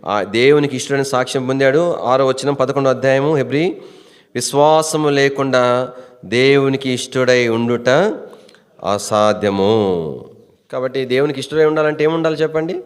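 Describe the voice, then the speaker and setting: Male pastor, fiery sermon delivery, voice ringing in a long hall echo. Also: quick pace. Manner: impassioned, rising to high emphatic questions; storytelling with hesitant restarts.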